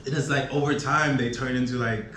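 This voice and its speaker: A man's voice: medium pitch, steady tone, brisk, sharp tone. A man in his twenties chatting casually as an interview guest, often searching for his words. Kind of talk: casual chat. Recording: echoey room with background noise.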